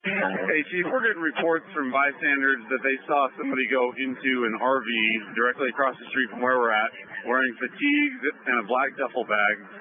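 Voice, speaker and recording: Man, fire division supervisor, average pitch, radio report, crowd noise, narrowband sound. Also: expressive, fairly quick, few pauses.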